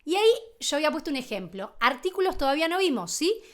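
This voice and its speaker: A young woman with a Rioplatense Spanish accent gives a casual language lesson. Her voice sits high and swings widely in pitch. She talks with animation and repeats words slowly so learners can follow. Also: big pitch swings, fairly bright tone. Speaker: Italian teacher.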